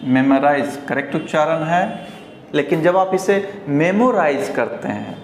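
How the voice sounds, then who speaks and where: A man with a Hindi accent teaching English pronunciation at a board, repeating each word slowly and with care. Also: fairly high pitch, animated. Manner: slow, deliberate, repeats each word several times. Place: classroom with a board. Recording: echoey room with faint ambient noise.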